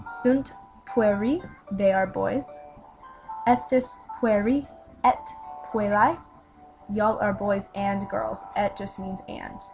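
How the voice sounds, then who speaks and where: A woman's voice: mid-range voice, fairly even intonation, slow, low-quality recording. A teenage girl gives a chatty, step-by-step student lesson. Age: teens. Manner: chatty, explains step by step with fillers. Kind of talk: casual voice-over lesson. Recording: voice-over with music behind.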